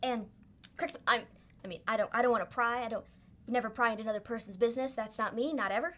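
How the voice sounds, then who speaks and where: A little talking hare acted out by a woman at a game table. The voice is small, pixie-like and on the high side. It chats like a street-wise trickster, always chummy and coaxing. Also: fast, a bit bright, natural voice. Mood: sly, coaxing. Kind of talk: tabletop role-play.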